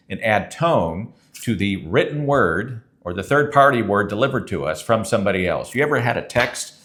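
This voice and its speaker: Earnest low-voiced male pastor. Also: a bit bright. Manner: conversational, earnest, reads scripture aloud. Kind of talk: recorded sermon teaching.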